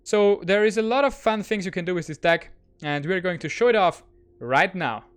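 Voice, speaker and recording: This is a man with a notably high voice giving gameplay commentary. He talks quickly and excitably and pokes fun at himself. Faint background music plays beneath him. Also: smooth. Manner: excitable, quick, self-mocking. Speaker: gaming channel host.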